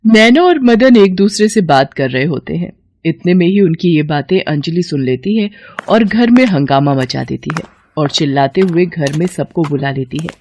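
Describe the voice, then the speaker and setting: A woman narrating a cartoon moral story in a steady, scripted storytelling manner. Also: deep voice, moderate pace.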